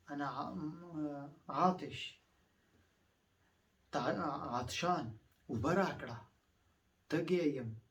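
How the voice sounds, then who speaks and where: A man's voice: on the high side, far from the mic. A man from Afghanistan whose first language is Pashto, teaching phrases in a lesson and repeating each one several times with patient explanations.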